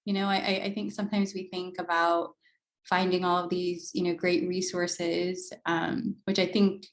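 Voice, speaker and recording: Earnest, low-voiced woman reflecting aloud. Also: flat delivery, moderate pace. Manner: thoughtful, earnest, repeats words. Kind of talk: reflective discussion.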